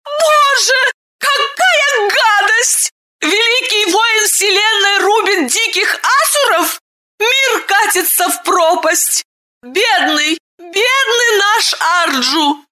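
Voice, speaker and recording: A woman reading an audiobook voices an excitable, haughty young woman who squeals, scolds and shouts. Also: very high-pitched, slow, voice pushed up, exaggerated voice. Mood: shrieking.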